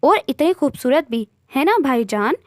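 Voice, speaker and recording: Woman reading as a cheerful teasing young girl, high voice, playful. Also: very animated, normal speed, no echo, clean studio sound.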